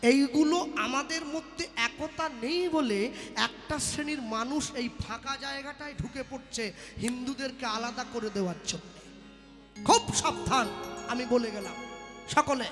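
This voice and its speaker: A man's voice: very high voice, measured pace. A man preaching a devotional sermon, full of rhetorical questions and mock dialogues. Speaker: kirtan singer and preacher. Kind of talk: devotional sermon with acted asides. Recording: live hall reverb with faint music.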